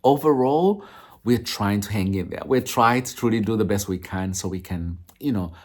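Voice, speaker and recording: A man's voice: lowish voice, lively intonation, moderate pace. A man, around middle age, giving a candid personal update to viewers in an emphatic way, repeating phrases for stress. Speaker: foster parent vlogger.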